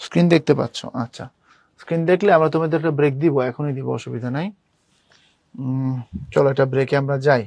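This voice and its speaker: A man's voice: medium pitch, steady tone, fast, creaky, long pauses, darkish tone, dry recording. A young man teaching an online admission class, talking casually and asking students questions. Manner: casual, chatty, addresses students directly, asks them questions. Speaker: university admission tutor.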